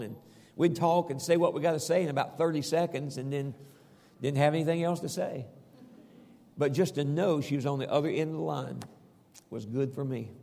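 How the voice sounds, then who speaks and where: A man's voice: on the high side, gravelly, darkish tone, big-room sound. A man preaching a folksy sermon, reading Scripture and telling homey stories. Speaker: pastor.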